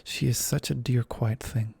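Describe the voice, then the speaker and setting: An earnest, chatty young girl, polite and eager to please, as a man reading a storybook softly puts her on. The voice stays low-key and mellow with a gravelly texture. It is a whispered role-play, dry and close to the mic. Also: steady tone, unhurried, dry recording, heavily acted. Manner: earnest, eager, soft-spoken.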